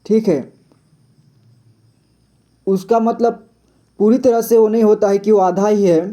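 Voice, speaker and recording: A man teaching a reading lesson in a patient, casual way, repeating words slowly and spelling them out letter by letter, with a frequent "okay" between steps. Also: sits high, fairly even intonation, warm tone. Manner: fills gaps with a frequent 'okay'.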